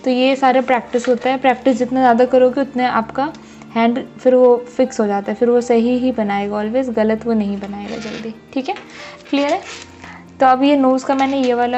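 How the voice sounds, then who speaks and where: A woman's voice: on the high side, mellow, muffled recording. A woman teaching a drawing lesson step by step, often checking that her students follow. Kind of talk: casual drawing tutorial.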